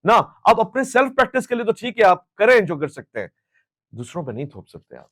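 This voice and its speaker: A man's voice: high-pitched, sing-song, no room sound. A Pakistani man hosting a public Q&A, answering with impassioned, scolding conviction and slipping into English phrases. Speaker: host.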